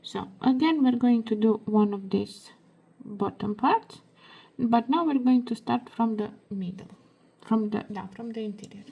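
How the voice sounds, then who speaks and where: Hoarse lady walking you through beadwork, slow and soft, gravelly, kinda half whispering. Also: fairly high pitch, muffled recording. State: hoarse, losing her voice. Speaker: beading tutorial host. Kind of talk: step-by-step craft instruction.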